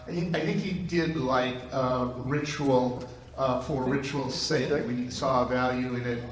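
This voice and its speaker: Older man, Jesuit lecturer, animated, halting fillers, reverberant conference hall. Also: medium pitch, a little hiss or hum. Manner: animated, gestures widely, many fillers and restarts. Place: large conference room with audience. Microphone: handheld microphone, far camera. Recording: echoey hall, heard from far off.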